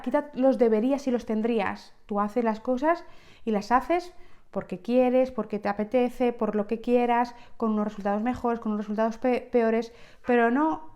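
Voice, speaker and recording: Higher-voiced Spanish woman, unscripted. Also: a little mellow. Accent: Spain. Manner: unscripted, keeps asking "¿no?" and restarting words. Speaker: podcast host. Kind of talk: reflective self-help monologue.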